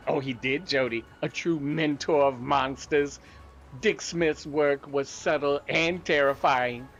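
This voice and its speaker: A man's voice: on the high side, steady tone, slow pace, a bit bright, lo-fi sound. A man playing a theatrical, gleefully macabre horror show host, relishing punning, alliterative scripted narration. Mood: campy, reverent.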